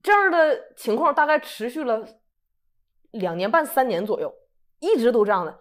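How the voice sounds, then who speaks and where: A woman, telling her testimony in a lively, chatty way. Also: on the high side, normal speed. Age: 30s. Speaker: guest sharing a testimony. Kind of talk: casual testimony storytelling.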